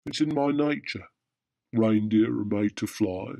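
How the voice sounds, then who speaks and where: A man playing a deadpan, immortal Father Christmas. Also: lowish voice, unhurried, creaky, no echo. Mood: deadpan, assured. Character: Father Christmas, immortal, wryly matter-of-fact male gift-giving saint. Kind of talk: radio drama dialogue in comic pantomime.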